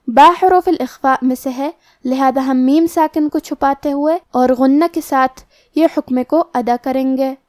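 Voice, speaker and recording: A woman teaching the rules of Quran recitation in a scripted lesson, explaining each rule step by step and reciting the words slowly. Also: high voice, darkish tone, no room sound, studio quality.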